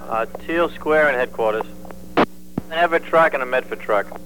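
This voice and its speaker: A man's voice: mid-range voice, normal speed. A man working as a fire alarm dispatcher, making urgent, terse, formal radio calls and repeating each message. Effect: two-way radio. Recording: very noisy emergency radio with hum. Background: hum and radio noise.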